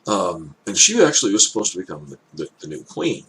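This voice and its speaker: An older man with an elderly-sounding voice gives casual off-the-cuff commentary, thinking aloud in halting, hesitant phrases. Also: deep voice, big pitch swings, fairly bright tone, rough recording. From Canada. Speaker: reaction video host. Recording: clear background noise.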